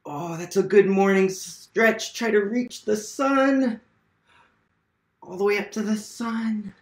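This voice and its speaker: A high-pitched man who takes his time hosts a read-aloud for children as a museum literacy educator. He is American, in his thirties, and works from a small living room at home, asking questions and encouraging his young audience.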